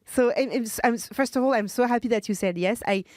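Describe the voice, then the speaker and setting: A woman's voice: fairly high pitch, fast, dry recording, clean studio sound. A woman hosting an interview podcast, asking questions eagerly with frequent restarts. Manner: enthusiastic, warm questioning with restarts. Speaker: podcast host.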